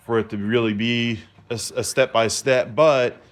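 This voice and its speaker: Speaking steadily at a moderate pace with a medium pitch, a man demonstrates a fixed-up vintage car radio indoors at a repair shop. He comes across as a hobbyist vlogger: casual, rambling, informal, and sure of himself.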